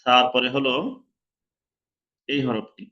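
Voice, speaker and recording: A Quran recitation teacher, a man with a Bangladeshi Bengali accent, slowly and patiently repeats each letter sound in an online pronunciation lesson, sometimes chanting it long. He speaks at medium pitch in a steady tone, and the recording has its highs cut off.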